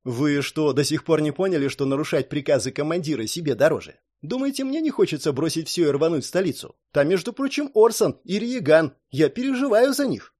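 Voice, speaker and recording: A man's voice: fairly high pitch, lively intonation, fairly quick, hardly any pauses. A man doing a snappish cat-girl. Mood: scolding. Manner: sharp, snapping. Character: fiery half-cat young woman, quick to snap.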